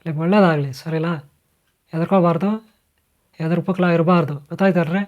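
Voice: mid-range voice, steady tone, brisk. A channel host delivers motivational spiritual advice in a mid-range voice. The speech is emphatic and keeps repeating key phrases while addressing the listener directly. The recording sounds dull and lo-fi.

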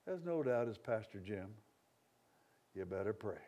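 A man's voice: lowish voice, big pitch swings, unhurried. A man preaching a revival sermon, telling stories with humorous asides and acting out complaining crowds. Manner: dynamic, swinging from loud outbursts to quiet asides.

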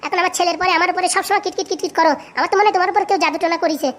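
A woman plays a sharp-tongued wife in a comedy sketch, firing off her scolding at a breakneck clip. Her voice sits high and piercing, and she never lets up. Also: steady tone. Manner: scolding, fast and shrill.

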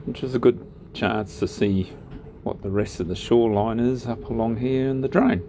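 A man narrating his sailing trip over drone footage in a relaxed, unhurried way, with frequent ums and pauses. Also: mid-range voice, a little hiss or hum.

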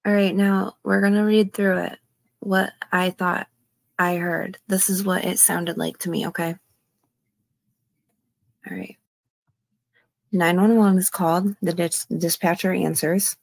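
A woman's voice: lowish voice, creaky, dry recording. A woman commenting on a true crime case, reading out a call and hedging her views with "in my opinion.". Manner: hedging, often adds "in my opinion".

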